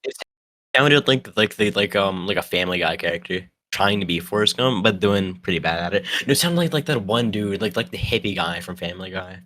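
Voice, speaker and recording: A man's voice: deep voice, animated, a little fast, bright, forceful tone, poor audio. A young man, co-hosting a podcast in a rambling, hesitant way, tired from no sleep. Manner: rambling, hesitant, lots of fillers and restarts. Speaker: podcast co-host. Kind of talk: casual chat.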